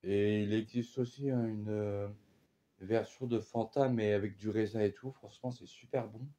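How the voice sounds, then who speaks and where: A man's voice: fairly low pitch, steady tone, normal speed, dark tone. A man hosting a casual unboxing vlog, rambling along with lots of fillers and slang. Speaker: vlogger.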